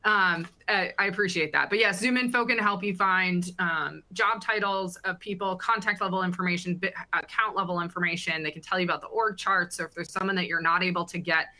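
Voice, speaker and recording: A woman's voice: on the low side, steady tone, a little fast, hardly any pauses, bright, forceful tone. Upbeat woman hosting a webinar. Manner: upbeat, with many ums. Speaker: webinar host.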